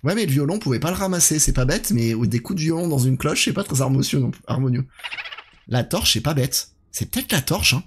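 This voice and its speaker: Lively, husky man streaming a game. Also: mid-range voice, a little fast. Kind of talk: casual horror game commentary, chatting with viewers.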